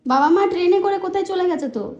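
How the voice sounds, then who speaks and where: A woman's voice: very high voice, animated, fast talker, a little mellow, roomy sound, highs cut off, soft background music. A woman filming at home, chatting casually and playfully coaxing a toddler in baby talk.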